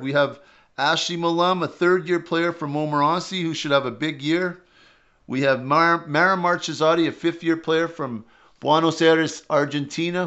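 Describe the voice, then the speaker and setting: A man, a basketball coach, hosting an interview show and introducing his players in a measured way. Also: on the high side, fairly bright tone, highs cut off.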